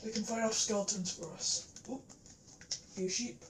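A woman with a medium-pitched voice talks at a moderate pace while giving casual gameplay commentary. She's a gamer recorded on a camera indoors, in a living room facing a TV, with roomy echo, background noise, and controller clicks audible.

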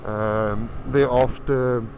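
A man with a mid-range voice vlogs through a helmet-mounted camera while riding a motorcycle outdoors, speaking extremely slowly with fairly even intonation. It's a casual, rambling travel vlog, chatty, profane and self-mocking, with loud wind and engine noise.

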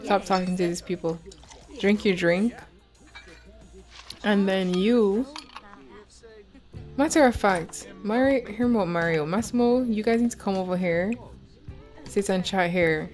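A woman's voice: medium pitch, a little slow, long pauses, darkish tone, faint music behind. Giggly woman narrating a game. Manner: chatty, giggly, bossing characters around. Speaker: gaming YouTuber. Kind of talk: let's-play commentary.

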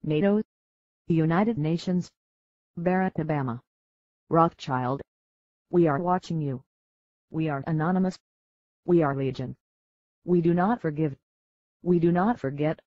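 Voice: medium pitch, no echo. Dull, synthetic voice reading a formal announcement. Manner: formal, measured, declarative. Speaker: activist narrator. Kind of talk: scripted announcement. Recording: dull lo-fi audio.

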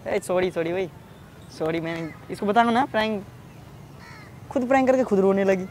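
A man's voice: high-pitched, normal speed, darkish tone, slight background noise. A man hosting a prank video, bantering teasingly in casual talk and repeating himself, recorded outdoors in a public place.

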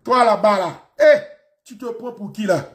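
A man voicing a brash young man speaking French with an Ivorian accent, loud and swaggering. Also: high voice, animated, normal speed, voice pushed up. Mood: confrontational.

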